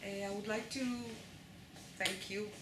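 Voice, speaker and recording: In an echoey room with steady noise in the background, a medium-pitched woman with an Israeli accent lectures to a live crowd. She talks at normal speed and repeatedly checks in with her listeners.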